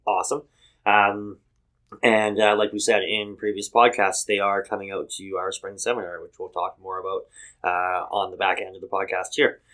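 Co-host guy, lowish voice but bright, lots of ums, easygoing sponsor plugs. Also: level tone, low-quality recording. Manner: halting, many fillers, reads sponsor plugs. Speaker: podcast co-host. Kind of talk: casual podcast chat.

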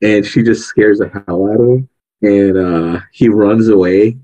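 Excitable husky-voiced man. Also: lowish voice, a little slow, dull audio. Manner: animated, excitable storyteller. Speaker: podcast co-host. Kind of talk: casual movie review chat.

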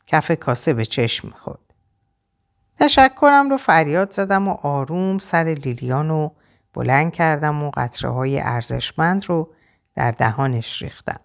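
A woman narrating an audiobook in an expressive, dramatic reading style. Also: deep voice.

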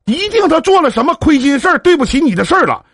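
Brash Northeastern man, high and lively. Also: fast, slight background noise. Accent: Northeastern Mandarin. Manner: brash, joking, swears, chummy big-brother banter. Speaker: live-stream relationship advice host. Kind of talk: casual phone counseling chat on a live stream.

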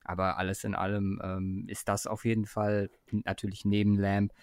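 A man's voice: fairly low pitch, completely flat delivery, moderate pace, darkish tone, clear, resonant tone, dry recording, clean studio sound. A man hosting a casual sports podcast, talking with many hesitations and fillers as he leads the conversation. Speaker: podcast host.

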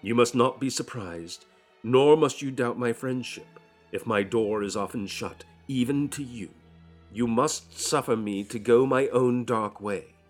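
A man's voice: mid-range voice, a little slow, soft background music, lightly acted. Man reading as a tormented, secretive doctor. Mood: grave.

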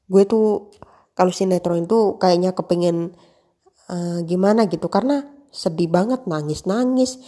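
A young woman talks in a loose, rambling way, full of fillers and restarts. Her voice is low-pitched and mellow, with a relaxed, unhurried flow. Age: young adult. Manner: rambling with many fillers, practicing emcee phrasing. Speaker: aspiring host. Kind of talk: casual monologue.

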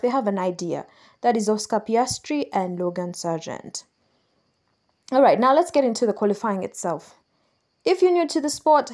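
With a mid-range, darkish-toned voice, a Ugandan podcast host talks on her own show, walking newcomers through things patiently in a chatty way. She corrects herself whenever she slips.

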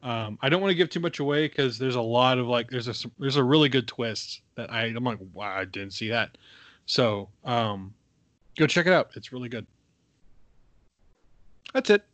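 A man's voice: medium pitch, expressive, moderate pace, fairly bright tone, no room sound. A man co-hosting a casual podcast chat, rambling with fillers and restarts as he recommends a film. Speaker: podcast co-host.

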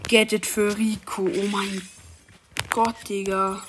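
A woman casually commenting while opening rewards in a mobile game, excitable and slangy, swinging between quiet counting and loud outbursts. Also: mid-range voice, slow, noisy background. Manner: uses youth slang. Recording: game music playing underneath.

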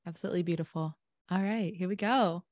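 A woman's voice: on the low side, fast, darkish tone, dry recording, studio quality. A woman co-hosting a podcast, affirming and upbeat as she wraps up an interview. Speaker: podcast co-host. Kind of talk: casual podcast chat.

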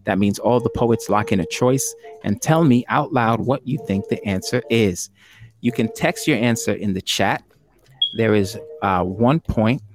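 A man's voice: fairly low pitch, unhurried. A man hosting an online trivia game show for poets, chatty and jokey, laughing often.

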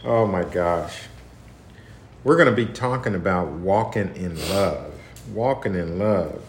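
A man with a lowish voice leads a home Bible study livestream. He reads scripture in a slow, deliberate way with emphasis. The room sounds echoey, with faint noise behind him. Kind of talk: casual livestream chat and scripture reading.

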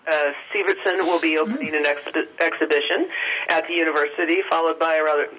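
A woman talking over the phone as an event organizer, pausing often with filler sounds. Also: sits low, steady tone, a bit bright, poor audio. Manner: hesitant, many filler sounds. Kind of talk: phone-in interview.

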